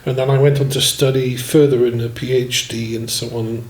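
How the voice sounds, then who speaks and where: A man in his sixties from Swansea, a musician telling his life story in a relaxed, rambling way and often saying "you know". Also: mid-range voice, moderate pace. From Swansea, Wales. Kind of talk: relaxed autobiographical chat. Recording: echoey room.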